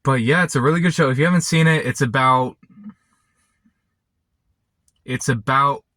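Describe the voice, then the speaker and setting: A young man chatting casually and unscripted to camera, halting and often interrupting himself as he rambles. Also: mid-range voice, sharp tone, no echo, studio quality. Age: young adult. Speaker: vlogger. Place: inside a parked car. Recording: background noise, vehicle ambience.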